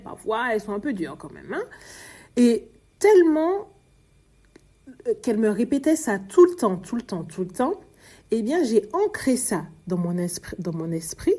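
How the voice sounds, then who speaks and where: An exhausted woman from Martinique with a Martinican French accent, hosting a podcast and telling her own story in quick, stumbling speech, dropping her R sounds. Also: on the low side, expressive, mellow. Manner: frequent restarts and fillers, confiding tone. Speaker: podcast host.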